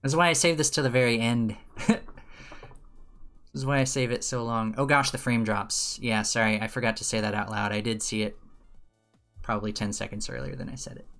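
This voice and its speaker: A man's voice: medium pitch, steady tone, a little fast, fairly bright tone, soft background music. A man who teaches, chatting casually while streaming game development, rambling, with dry sarcastic asides. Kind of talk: casual livestream chat.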